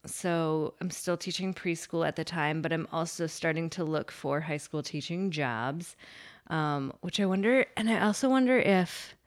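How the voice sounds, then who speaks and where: A woman's voice: sits low, normal speed. A young woman, a preschool teacher, chatting casually about her recordings, full of filler words and laughter. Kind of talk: casual podcast chat.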